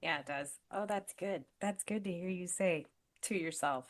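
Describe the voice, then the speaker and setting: A woman's voice: fairly low pitch, normal speed. A woman hosting a podcast, chatting casually and encouragingly with a friend, laughing often. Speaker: podcast host and life coach.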